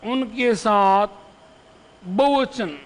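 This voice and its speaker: Guy teaching grammar slowly, keeps going "है ना?", pretty high voice, echoey room. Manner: repeats example phrases and checks in with "है ना?"; poses questions to the students. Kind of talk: exam-prep grammar lesson.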